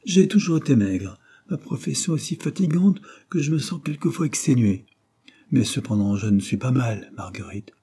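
A man's voice: medium pitch, normal speed, breathy edge, voice pushed up. A man playing a weary, wry family father. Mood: calm. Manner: calm, gently wry. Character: tired, patient middle-aged tutor and father, dry humor.

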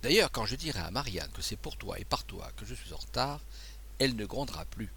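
A man's voice: medium pitch, sing-song, brisk, sharp tone, slight background noise. A man reading aloud voices a kindly, fretful priest who stammers and exclaims anxiously. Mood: fond. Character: flustered fretful abbé, a kindly male priest.

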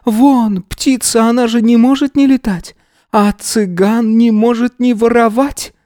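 A woman's voice: on the high side, steady tone, measured pace, dark tone, no room sound, clean studio sound, voice pushed up, lightly acted. A man reading an audiobook voices a wily old woman who shrieks, whines and pleads. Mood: pleading. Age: older. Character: shrill, wily old woman, hoarder, wheedling and loud.

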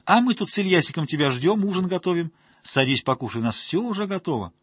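A man's voice: high-pitched, animated, quick pace, a bit bright, breathy edge, dry recording, voice pushed up, full character voice. A man voicing a drunk, whining woman janitor who fawns and pleads. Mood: wheedling. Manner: wheedling, whiny, ingratiating.

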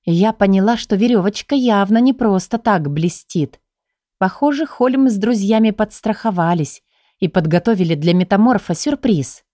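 A woman narrating a first-person fantasy audiobook in an even, measured reading voice. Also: mid-range voice, no echo, clean studio sound.

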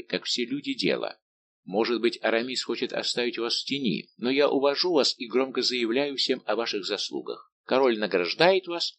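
A man voicing a shrewd, quick-witted veteran musketeer officer who talks in a lively, coaxing way. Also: medium pitch, voice pushed up.

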